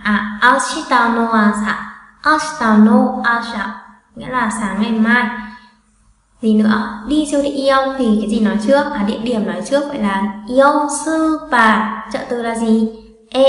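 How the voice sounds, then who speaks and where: Chatty female teacher in an echoey room. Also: on the high side. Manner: chatty, asks the viewers questions and answers them herself. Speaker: Japanese teacher. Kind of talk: online grammar lesson. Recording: strong echo, long room reverb.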